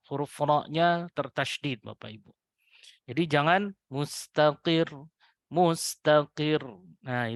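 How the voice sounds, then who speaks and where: Speaking in a fairly high voice, a man gives a tajwid lesson to adult students on Quran recitation rules, patiently repeating example words slowly with a lifted voice. He addresses his listeners politely, and the studio recording is clean and dry.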